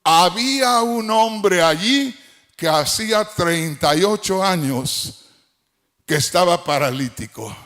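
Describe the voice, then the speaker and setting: A middle-aged man preaching a sermon, fervent, at times shouting and half-singing his phrases. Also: high-pitched, lively intonation, slow pace.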